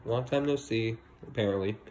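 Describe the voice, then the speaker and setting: A teenage boy rambles through a casual vlog, phone held at arm's length as he walks around a mall at night. His delivery is loose and full of fillers, with upbeat sign-offs. Steady outdoor noise sits under his voice. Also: mid-range voice, a little fast, rough recording. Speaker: vlogger.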